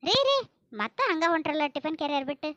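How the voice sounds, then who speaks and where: A woman with a North Karnataka accent acting in a family comedy skit, chatty, brisk and plain-spoken. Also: sits high, big pitch swings, a bit bright, no room sound, dull audio. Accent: North Karnataka Kannada.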